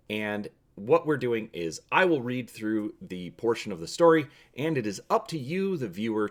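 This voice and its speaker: A man hosting and narrating an adventure story for viewers in a theatrical, emphatic way. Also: on the low side. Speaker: host and narrator of a story channel. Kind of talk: dramatic reading of an adventure story.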